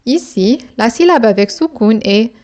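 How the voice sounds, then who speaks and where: A woman teaching a reading lesson, sounding out each syllable slowly and deliberately before explaining the rule. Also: fairly high pitch, animated, darkish tone.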